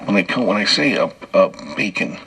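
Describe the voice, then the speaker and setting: A man with a gravelly, husky voice runs through a loose solo comedy monologue. His tone is forceful and bright, and he chuckles between the punchlines. He often restarts his lines as if making it up on the spot. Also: on the low side, expressive, fairly quick, poor audio. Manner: wry joke-telling, chuckling between bits. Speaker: podcast host.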